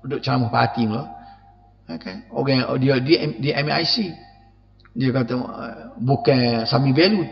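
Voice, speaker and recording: A man with a Kelantanese Malay accent giving an evening mosque lecture on Quran verses, lively, laughing and questioning his listeners. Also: on the high side, vocal fry. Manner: lively, laughing, acts out quoted voices, questions the audience. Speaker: religious lecturer. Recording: muffled recording with long reverb.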